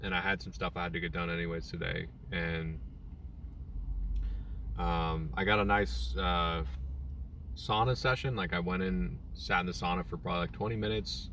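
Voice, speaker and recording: A young man talks into his phone from a parked car, live-streaming in a loose, rambling way with lots of fillers and restarts. His voice sits fairly low and comes across a little distant from the phone mic, with a faint hum of ambience behind him. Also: steady tone, normal speed, fairly bright tone. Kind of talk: casual live-stream chat. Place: in a parked car in a store parking lot.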